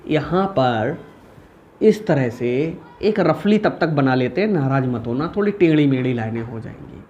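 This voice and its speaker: A male commerce teacher talks through a lesson in a lively, chatty way. He keeps asking his students questions and answering them himself. A faint hiss sits under his voice. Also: medium pitch, normal speed, dull audio. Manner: animated, asks and answers his own questions. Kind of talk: informal recorded lesson.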